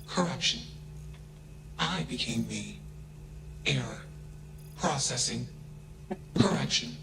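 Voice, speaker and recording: Emotionless machine intelligence, flat and slow with a gravelly texture, game dialogue. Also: male voice, mid-range voice. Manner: flat, emotionless, clipped one-word labels before each statement. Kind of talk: video game character dialogue. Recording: game audio with steady hum behind.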